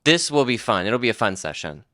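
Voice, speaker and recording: A man's voice: medium pitch, big pitch swings, fairly quick, bright, forceful tone, no room sound, studio quality. A man working as a sign language interpreter, giving a live spoken translation of a deaf presenter's signing in first person at a workshop, with a slight lag. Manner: voices another's signed words as his own, with a slight lag. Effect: live spoken interpretation for a deaf signer, in first person. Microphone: shared handheld microphone.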